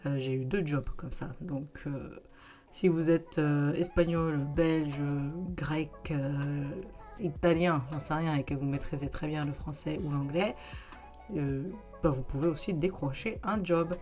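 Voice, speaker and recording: A young adult woman hosts a casual vlog, a YouTuber giving practical advice in a chatty, conversational way straight to her viewers. Her voice sits low with fairly even intonation, a measured pace and a warm tone. Soft background music plays underneath.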